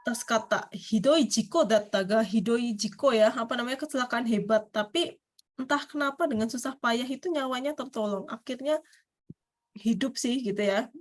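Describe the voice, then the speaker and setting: Chatty woman teaching Japanese, high voice. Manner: chatty, often laughing, reading example sentences slowly. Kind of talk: casual online class explanation.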